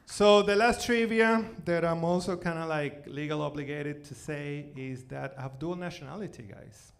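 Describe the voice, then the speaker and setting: Recorded live and noisily in a comedy club, a Venezuelan comic of forty, Spanish by birth, delivers his storytelling set in a halting manner. His pitch runs on the high side with some vocal fry, and his speech is full of repeated words, "you know," and "like."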